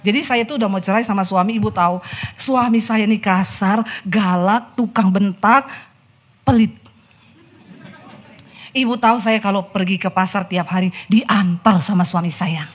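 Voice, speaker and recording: A woman's voice: mid-range voice, moderate pace. A middle-aged woman pastor preaching a sermon, telling stories and acting out the quotes. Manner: lively storytelling sermon, acts out quotes.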